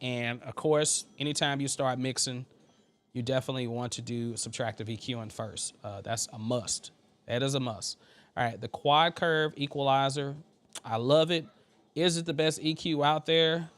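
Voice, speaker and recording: A man with a thin, fairly bright voice hosts a casual live tutorial on vocal mixing, chatting loosely with viewers while he works. His pitch is medium, his intonation fairly even, and his pace moderate, and his talk is packed with fillers and asides to the chat.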